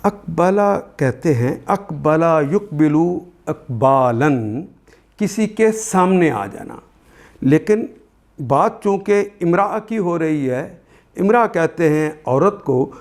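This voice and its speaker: An older man with a Pakistani Urdu accent gives a word-by-word Quran translation lesson. His voice sits somewhat high, and he speaks slowly and deliberately, repeating each term as he explains it. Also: darkish tone. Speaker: Quran teacher.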